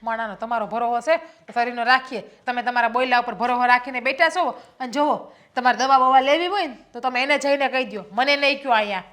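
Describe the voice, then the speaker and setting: An actress playing a quarrelsome, sarcastic daughter-in-law in a stage play, speaking. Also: female voice, fairly high pitch, fairly quick, hardly any pauses, a bit bright, close to an everyday voice. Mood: scornful. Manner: taunting, sarcastic, scolding. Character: quarrelsome scornful young wife and daughter-in-law. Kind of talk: Gujarati stage-play acting.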